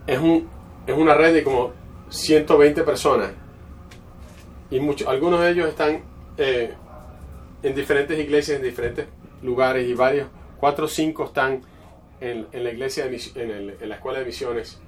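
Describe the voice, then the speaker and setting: A man's voice: medium pitch, moderate pace, pauses often. A man preaching a sermon in a conversational storytelling way, often restarting his phrases. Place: church. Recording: distant mic with faint background noise.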